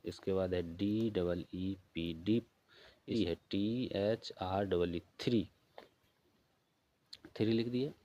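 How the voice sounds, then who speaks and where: Male tutor, Bihari Hindi accent, low voice, unhurried letter-by-letter spelling. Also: mellow, dull audio, a little hiss or hum. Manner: spells words out letter by letter, slow and patient. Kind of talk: workbook walkthrough lesson.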